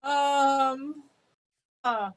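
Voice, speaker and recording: A woman's voice: high voice, fairly even intonation, very slow. A woman co-hosting a podcast over a video call, casual and jokey, blunt, swearing and laughing a lot. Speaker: podcast co-host. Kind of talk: casual chat.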